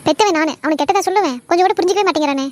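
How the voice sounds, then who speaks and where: A woman's voice: extremely high pitch, darkish tone. A woman voicing a fussy middle-aged mother of four sons in a cartoon, talking in a scolding, nagging way. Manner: scolding, nagging, rapid-fire. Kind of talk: cartoon voice acting.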